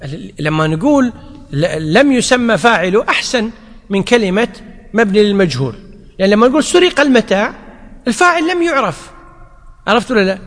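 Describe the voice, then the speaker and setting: A man gives a grammar lesson in a high, light voice. He repeats key points and often checks that his class is following. His voice rings with the long reverb of a large hall. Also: lively intonation, a little fast, pauses often, fairly bright tone. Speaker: teacher of Arabic grammar. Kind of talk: classroom lecture.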